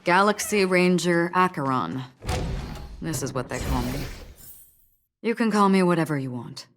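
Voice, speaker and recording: A woman voicing an enigmatic, melancholy wanderer in a video game, speaking in a calm, measured, solemn way. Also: lowish voice, background noise, lightly acted. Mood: solemn, detached. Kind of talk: video game voice acting, dialogue. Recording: long reverb.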